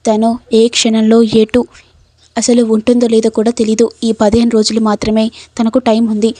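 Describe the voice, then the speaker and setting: A woman's voice: a little high, completely flat delivery, moderate pace, mellow, no echo, natural voice. A woman voicing a grave male doctor delivering bad news, in a plain read-out manner. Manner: plain read-out lines, hardly acted.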